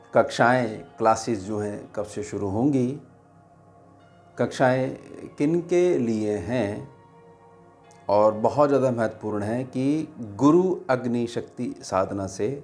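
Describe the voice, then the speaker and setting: A man, a spiritual teacher, giving a devotional teaching talk in a slow, measured way with pauses. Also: medium pitch.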